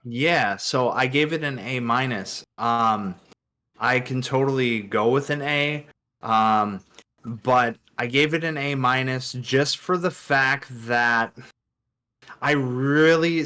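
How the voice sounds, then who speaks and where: A man's voice: medium pitch, takes it slowly, sharp tone. A man co-hosting a wrestling podcast, chatting casually and slipping into mock voices for quotes. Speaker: podcast co-host.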